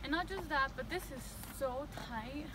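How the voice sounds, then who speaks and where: A woman's voice: high voice, normal speed. A young woman in her twenties chatting to a phone camera while walking busy streets, a little out of breath. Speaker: vlogger. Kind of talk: casual travel vlog. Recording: loud street noise.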